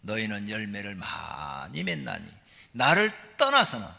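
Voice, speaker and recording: Animated Korean pastor in a reverberant church hall. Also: male voice, a little slow, gravelly. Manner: animated preaching, acts out a nagging wife in a high voice. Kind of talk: sermon.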